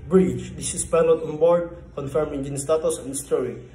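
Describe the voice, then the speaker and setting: A man's voice: a little high, moderate pace. A man playing a port control operator answering on marine radio, formal and clipped as he gives instructions. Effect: marine radio call. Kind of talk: scripted marine radio procedure. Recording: echoey room with faint background hum.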